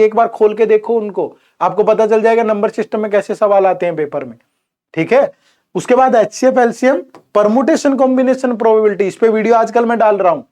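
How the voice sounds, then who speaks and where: High-voiced Hindi-speaking male teacher. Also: darkish tone. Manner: casual, keeps saying "theek hai" and "yaar". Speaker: exam prep teacher. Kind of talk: informal Hindi lecture.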